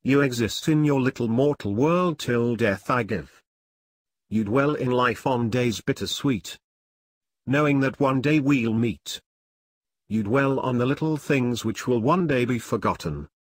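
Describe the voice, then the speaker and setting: Ein Mann, der in einer gelesenen Versgeschichte einen grüblerischen, müden Sensenmann spricht und feierlich in Reimen deklamiert. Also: male voice, mid-range voice, a little slow, no echo, clean studio sound, voice pushed up, natural voice. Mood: solemn. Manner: solemn, declaiming in rhyme. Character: brooding weary male Grim Reaper. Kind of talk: amateur dramatic poetry reading.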